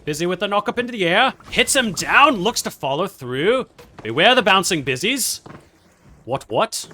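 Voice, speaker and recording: A hammy mock British esports caster, put on by a man who piles on random slang in a bright, forceful voice. He calls the plays with big jumps in pitch. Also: lively intonation, unhurried, exaggerated voice.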